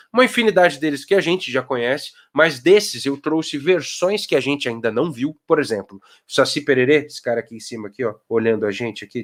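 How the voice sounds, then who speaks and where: A man from São Paulo, Brazil, with a Paulista Brazilian Portuguese accent and a medium-pitched voice talks casually on a live video call as a children's author. He is conversational, poses many rhetorical questions, and briefly imitates old folks.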